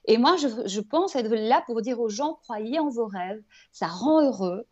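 Speaking unhurriedly in a fairly high, expressive, slightly mellow voice, a Belgian woman discusses her ideas as the interviewed author of a self-help book. She is enthusiastic, emphatic and rambling, in a casual motivational manner, and the audio sounds dull.

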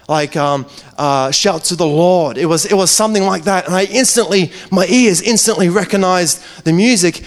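A man, a preacher telling a personal testimony in an earnest, conversational way, often restarting his phrases. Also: high-pitched.

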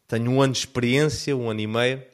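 A young man with a European Portuguese accent, ranting in a casual, animated vlog monologue full of filler words. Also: medium pitch, quick pace. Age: young adult. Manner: animated, heavy use of fillers like "pá". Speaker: vlogger.

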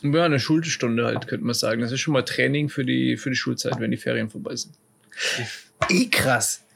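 Guy cohosting a podcast, gravelly husky voice, crude jokes, super casual. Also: medium pitch, fairly bright tone. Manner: joking, crude, loose chat with drawn-out fillers. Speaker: podcast co-host.

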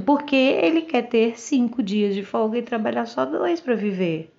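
A woman's voice: on the high side, expressive, unhurried, gravelly, darkish tone, dull audio. A Brazilian woman in her forties, speaking outspokenly and directly in a casual monologue to camera. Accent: Brazilian Portuguese. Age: 40s. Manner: outspoken and direct, acts out quoted voices. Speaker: vlogger.

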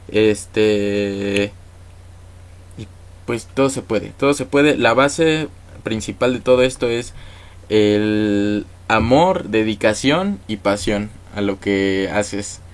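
Man, Mexican accent, low voice, casual interview guest, easygoing, rambling fillers. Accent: Mexican Spanish. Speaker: musician guest.

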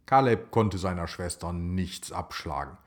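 A man narrating a children's story in a slow, expressive way. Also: deep voice.

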